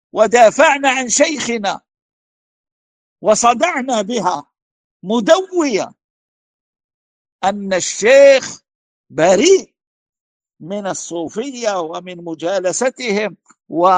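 This man's gravelly voice sits high, recorded with no echo. Answering a question as a religious scholar, he declaims emphatically, piles up rhetorical questions, stumbles on words and climbs to forceful declarations.

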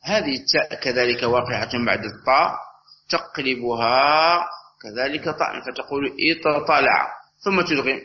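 A man teaching an Arabic grammar lesson, explaining step by step and slowly repeating each word form. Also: medium pitch. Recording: slightly dull recording with faint noise.

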